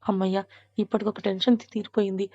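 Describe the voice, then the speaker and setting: A woman's voice: medium pitch, little pitch movement, fast, dark tone, dull audio, close to an everyday voice. A woman voicing a stern, protective young husband who scolds firmly. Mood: scolding.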